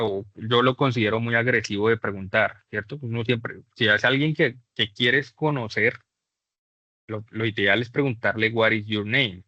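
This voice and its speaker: A man teaching a beginner English class, explaining patiently and slowing down to model English examples. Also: medium pitch, a bit bright, no echo. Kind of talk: online class lesson. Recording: dull dry lo-fi mic.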